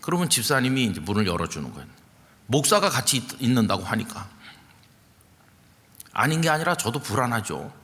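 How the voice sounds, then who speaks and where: A man's voice: medium pitch, very animated, fairly quick, pauses often, fairly bright tone. A male senior pastor preaching a sermon in a conversational, storytelling way. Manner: conversational storytelling with acted quotes. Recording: long reverb from a large hall.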